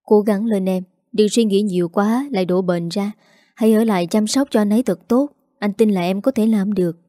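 A woman's voice: medium pitch, moderate pace, warm tone, no room sound, clean studio sound, close to an everyday voice. Give me a woman playing a caring, encouraging young man in an audio story.

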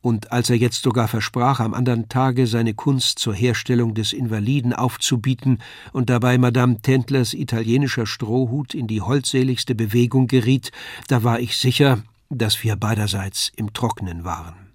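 An older male audiobook narrator gives a scripted reading of a classic novella in a measured, even storytelling style. His voice is medium-pitched, and the studio-quality recording has no room sound.

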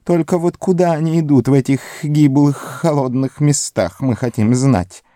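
A man's voice: on the high side, moderate pace, mellow, no room sound, clean studio sound, voice pushed up, close to an everyday voice. A man voicing Gollum, a wretched, cunning creature who whines, hisses and pleads in an audiobook. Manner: whining, hissing, pleading. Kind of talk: audiobook character voice.

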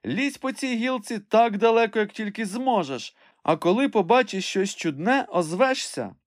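A man voicing an excitable, obsessed gentleman treasure hunter who gives agitated, trembling commands. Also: high-pitched, moderate pace, no echo, studio quality, pitched above the performer's own voice. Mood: commanding.

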